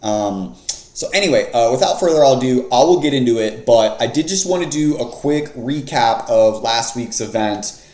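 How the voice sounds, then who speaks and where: A man's voice: medium pitch, lively intonation, moderate pace, a little mellow. Sarcastic rambling man, echoey room. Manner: sarcastic, rambling, lots of fillers. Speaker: MMA picks channel host. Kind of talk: casual vlog commentary.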